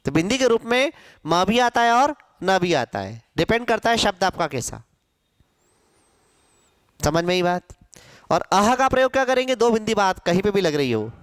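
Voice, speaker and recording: A male Hindi teacher giving a grammar lesson to a class, asking questions and answering them himself, sounding out syllables slowly. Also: high-pitched, very animated, a bit bright, dry recording, clean studio sound. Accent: Hindi, from central India.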